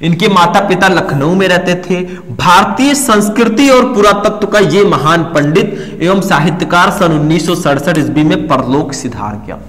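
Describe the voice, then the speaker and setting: A man's voice: high-pitched, expressive, normal speed, a bit bright. A man teaching an exam-prep lesson, talking straight to his students in a chatty way and now and then singing a line. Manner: chatty, addresses students directly, breaks into sung lines. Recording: echoey room with long reverb.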